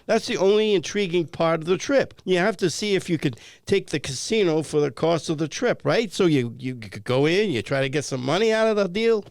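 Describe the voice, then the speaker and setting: A man's voice: a little high, animated, brisk, vocal fry, hardly any pauses, dry recording, studio quality. A man with a New England accent co-hosting comedic banter, ranting with exasperation about everyday phrases. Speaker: co-host.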